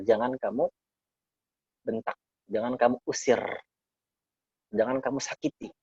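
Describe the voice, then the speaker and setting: A man's voice: medium pitch, vocal fry, husky, dry recording. A man teaching a casual Quran study session, explaining Arabic verses phrase by phrase and repeating key words to listeners he treats as friends. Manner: addresses listeners as friends, relaxed and conversational. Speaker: Islamic teacher. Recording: slightly dull lo-fi recording.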